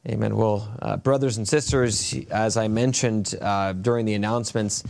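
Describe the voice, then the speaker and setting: A man pastor speaking at a pulpit microphone in a church, reading scripture and praying in an earnest, measured way, with halting fillers in his prayer. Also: on the low side, steady tone, creaky, a little mellow. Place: church sanctuary, indoors.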